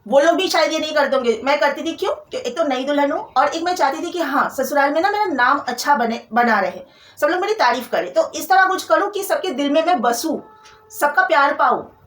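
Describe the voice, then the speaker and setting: A woman's voice: high voice, animated, brisk, a bit bright. Indignant young woman, roomy and distant. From Kolkata, India. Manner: indignant, venting about in-laws. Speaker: vlogger. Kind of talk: personal storytelling to camera.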